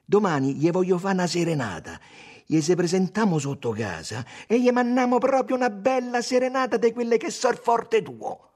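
An easygoing young lad from the Roman slums, put on by a male reader, drawling his slang in a broad Roman accent. He talks higher than the reader and swings his pitch all over. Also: sing-song, normal speed, a little mellow. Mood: scheming. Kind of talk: audiobook dialogue acting.

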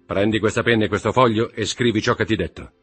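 Man voicing a stern disguised nobleman, commanding, accusing, low husky voice, faint music. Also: fast talker, a bit bright.

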